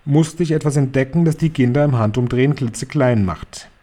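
A man's voice: medium pitch, a little fast, warm tone, close to an everyday voice. A man playing a domineering head witch. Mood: commanding. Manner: commanding, scornful, lecturing. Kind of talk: audiobook reading.

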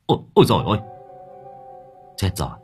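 A man voicing a hot-tempered male motorbike-taxi driver who talks loud, brash and crude. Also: sits low, wildly swooping pitch, brisk, husky, soft background music, exaggerated voice. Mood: blustering angry.

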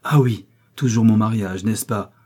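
A man's voice: fairly low pitch, measured pace, slightly rough. A man voicing a young mother who speaks firmly and with cold disdain. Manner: gentle turning stern. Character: young mother, gentle but firm.

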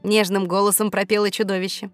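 A woman narrating a children's audiobook in a lively, expressive manner. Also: medium pitch, quick pace, dry recording, faint music behind.

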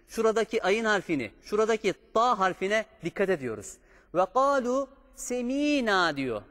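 Male recitation teacher, high-pitched, unhurried, patient pronunciation drills, reverberant sound. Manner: slow, patient, drawn-out chanted recitation of examples. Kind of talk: step-by-step pronunciation lesson.

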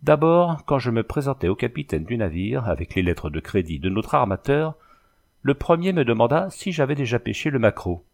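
A man reading a classic novel aloud in a measured, expressive way, including the letters in the story. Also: mid-range voice, creaky. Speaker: audiobook reader. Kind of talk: scripted narration of a classic novel.

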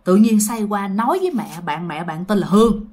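A woman, hosting a channel and retelling a ghost story in an animated, expressive way. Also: medium pitch, fairly quick.

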